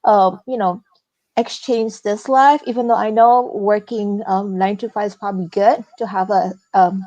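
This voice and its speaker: Woman guest, earnest and halting, mid-pitched, dry close sound. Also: steady tone, darkish tone, dry recording, dull audio. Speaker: interview guest, small business owner. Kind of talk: casual live interview.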